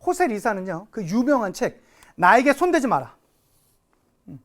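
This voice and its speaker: A man teaching a recorded history lecture, talking to students in a lively, dramatic way. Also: high-pitched, moderate pace. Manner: lively, dramatic, reads quotes with big emotion. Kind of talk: recorded exam-prep lecture.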